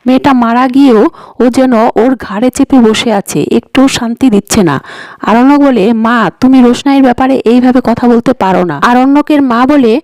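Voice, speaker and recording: A woman's voice: on the high side, brisk, darkish tone, dry recording, low-quality recording. A woman retelling a TV serial episode, reading every character's lines in the same plain voice. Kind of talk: scripted narration with quoted dialogue.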